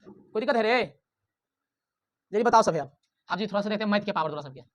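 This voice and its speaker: A male teacher, teaching a physics lesson in a classroom. He talks loudly and quizzes the class, then answers his own questions. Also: sits high, animated, quick pace. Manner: loud, drilling, asks the class questions and answers himself. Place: classroom with students.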